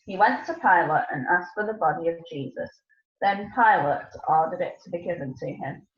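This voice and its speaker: Woman narrating scripture, echoey room. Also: lowish voice. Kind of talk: scripture reading. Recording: echoey room, slightly muffled.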